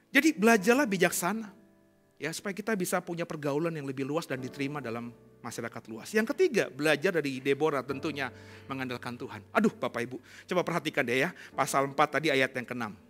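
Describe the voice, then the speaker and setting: A man preaching a sermon as pastor, speaking plainly and putting rhetorical questions to his congregation, swinging between emphatic and hushed delivery. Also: a little high, animated, fast talker, soft background music. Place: church congregation.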